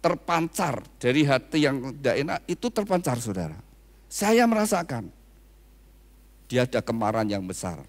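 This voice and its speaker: A man's voice: medium pitch, sing-song, moderate pace. A man preaching a wedding sermon, telling a personal story and often addressing the congregation directly. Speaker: pastor. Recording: reverberant church hall.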